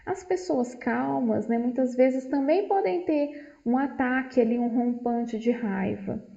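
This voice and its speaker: A woman's voice: fairly high pitch, a little slow, vocal fry, mellow. A woman presenting a book study to a group, explaining at length and tagging her sentences with questions. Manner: explanatory, frequent "né" tags. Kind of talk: informal book study talk. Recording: dull lo-fi, roomy echo.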